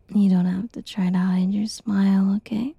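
A woman whispering a tender, reassuring girlfriend roleplay in a soft, soothing ASMR style. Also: mid-range voice, vocal fry, breathy edge, no room sound, dull audio.

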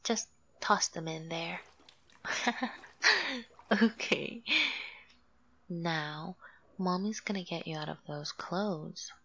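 Woman as a doting mother figure: low, gravelly, very slow and soothing. Slips into whispers. Dull lo-fi recording. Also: full character voice. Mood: coaxing. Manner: slow, soothing, coaxing with soft laughs. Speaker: audio roleplay performer. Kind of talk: soft-spoken audio roleplay, half whispered.

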